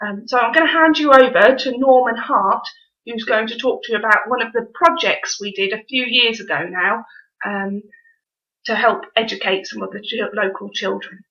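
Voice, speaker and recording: A woman's voice: a little high, moderate pace, fairly bright tone. A woman with a Norfolk accent gives an informal, teacherly presentation with quiz questions, explaining as she goes. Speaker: dialect society presenter and quiz host. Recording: dull, lo-fi audio.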